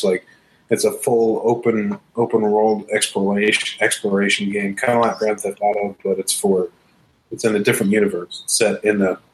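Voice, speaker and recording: A man with a fairly low voice chats on a podcast, excitable and rambling, with frequent laughs. He talks in a loose, casual way as a co-host. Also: low-quality recording.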